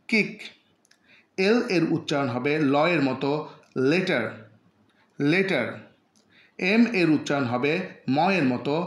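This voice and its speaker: A man's voice: on the high side, echoey room. A man teaching English letter sounds in a scripted lesson, saying each example word twice. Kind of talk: slow scripted phonics lesson.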